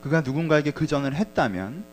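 A man's voice: on the high side, expressive, quick pace, slight background noise, rough recording. A man preaching a sermon as pastor, talking conversationally and asking the congregation questions.

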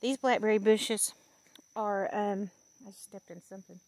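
A woman's voice: mid-range voice, steady tone, moderate pace, background noise. A woman in her fifties walks outdoors through a blackberry patch and films a homey, chatty vlog with fillers and easy laughs. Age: 50s. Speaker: vlogger.

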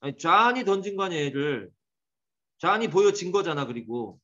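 A man's voice: a little high, very animated, moderate pace, sharp tone, dull audio. A man teaching an English grammar class, quizzing and teasing his students by name as he goes.

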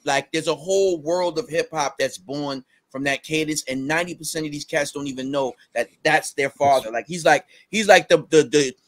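A middle-aged rapper, appearing as a guest on a casual video-call interview, speaks animatedly in a fairly high register through a headset. He recites rap lyrics in quick bursts of energy, with plenty of fillers, and there is no room sound.

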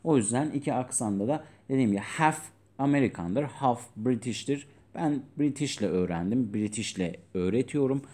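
Mellow-voiced male English teacher. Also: mid-range voice, animated. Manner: patient and explanatory, translating each English line into Turkish; reads English lines slowly with British-style pronunciation. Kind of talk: video lesson for school pupils.

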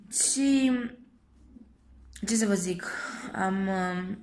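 Young female vlogger, candid and chatty to camera, mid pitch, a touch of vocal fry. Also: steady tone. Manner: chatty, candid, talks straight to viewers. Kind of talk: casual vlog to camera.

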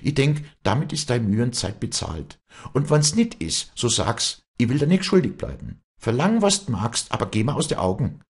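A man voices a proud young peasant woman who now runs her farm, pitching above his own voice in a sing-song, breathy, medium-pitched tone at a moderate pace. She speaks sternly, firmly, and commandingly in rural dialect.

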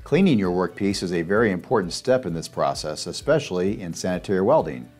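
A man giving steady, step-by-step scripted narration over a demonstration video. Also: low voice, brisk, faint music behind. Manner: steady instructional step-by-step delivery.

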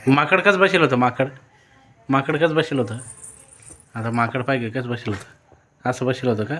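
A man's voice: mid-range voice, normal speed, a bit bright. A man at home filming a small child, playfully coaxing with repeated questions. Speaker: parent filming a toddler.

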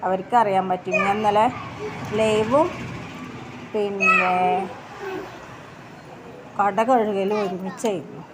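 A woman's voice: medium pitch, steady tone, takes it slowly, long pauses. A woman, chatting tiredly and plaintively to her subscribers about running her shop with her kids. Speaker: vlogger who runs a small tea shop. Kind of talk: casual vlog talk to subscribers. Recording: noisy background with traffic.

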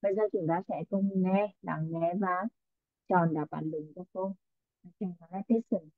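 A woman's voice: fairly low pitch, steady tone, measured pace, no echo. A woman teaching an online English class, calling on students and repeating their answers back to them. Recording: tinny phone-like online audio.

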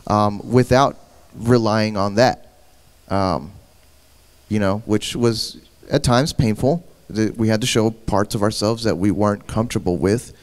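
A man's voice: fairly low pitch, a little slow. A married man on a church stage panel, sharing his story earnestly with restarts and repeated words. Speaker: panel guest. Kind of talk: personal testimony about marriage.

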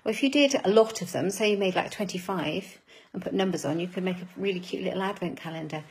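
A woman's voice: fairly low pitch, fast, a little mellow, husky, poor audio. A woman giving a live craft demonstration, chatting with viewers as she works and laughing at her own fumbles. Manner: chatty, greets viewers by name.

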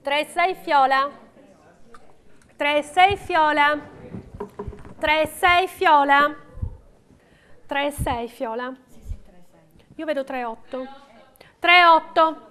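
A woman runs an auction in a strikingly high voice. She calls prices and bidder names at a slow pace, in short, repetitive chanted phrases. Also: fairly bright tone.

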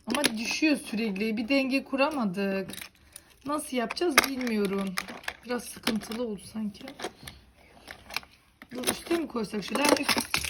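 A woman's voice: a little high, very noisy. A woman hosting a children's toy channel, counting aloud and mildly fretting as the toy cars keep falling over. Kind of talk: toy play narration for children.

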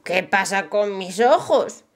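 A woman voicing a stubborn, indignant old male wizard in a storybook reading, drawing his words out slowly. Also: medium pitch, lively intonation. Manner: slow, drawn-out indignant protests.

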